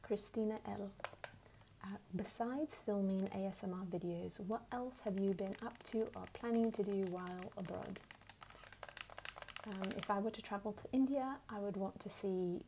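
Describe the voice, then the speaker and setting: An American woman puts on an English accent, speaking softly and sometimes whispering as she takes her time answering questions for an ASMR video. Her mid-range voice moves at a normal pace with some vocal fry, and the background is noisy.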